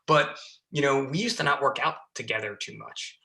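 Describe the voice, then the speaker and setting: Enthusiastic male guest with a sharp, bright voice, chatting casually. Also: medium pitch, vocal fry. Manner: enthusiastic, talks in quick bursts. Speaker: podcast guest, fire lieutenant. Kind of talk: casual conversation.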